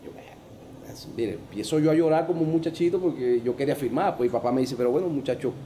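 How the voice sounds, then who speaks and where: A man's voice: fairly high pitch, fast talker, a little hiss or hum. A man with a Venezuelan accent, a former ballplayer and podcast guest, telling anecdotes casually and jumping into other people's voices as he goes. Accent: Venezuelan Spanish. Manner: animated, acts out the people in his stories with a raised voice. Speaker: former baseball player, guest. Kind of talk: casual storytelling.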